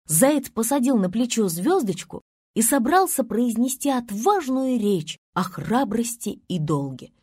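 Lively woman reading a storybook. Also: on the high side, measured pace, breathy edge, no echo, studio quality. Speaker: narrator.

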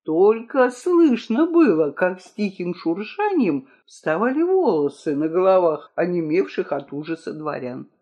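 Storybook narrator: unhurried, animated, muffled lo-fi recording. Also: mid-range voice. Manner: slow, expressive storytelling. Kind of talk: storybook reading. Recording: dull lo-fi recording.

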